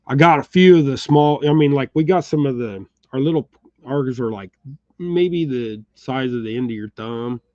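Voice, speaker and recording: A man's voice: medium pitch, normal speed, darkish tone, no echo, lo-fi sound. Rambling middle-aged American man with a slight Texas twang. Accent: Texas-tinged American, says y'all. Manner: rambling, chuckling, talks to viewers by name. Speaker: channel host. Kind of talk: casual chat while tying jigs. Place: home workshop.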